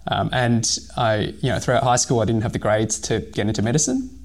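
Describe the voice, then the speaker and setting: A gravelly, medium-pitched man from Hong Kong, in his thirties, talks fairly quickly. He's a physiotherapist and pilot telling his story in a casual podcast interview, rambling along with lots of ums, fillers and restarts.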